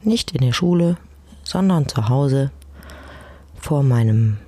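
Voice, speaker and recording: A woman hosts a casual podcast alone at home, talking slowly in a very deep, warm voice with lively intonation and a breathy edge. The close microphone picks up no room sound, and she's chatty, informal and self-deprecating.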